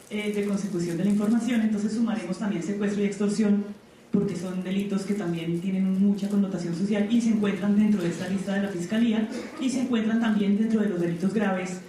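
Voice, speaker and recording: A woman delivers a seminar talk, explaining in a conversational way and stopping often to think. Her voice is mellow. She is recorded from a distance in a very echoey conference hall with faint background noise. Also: medium pitch. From Colombia. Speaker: panel presenter. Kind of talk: seminar presentation.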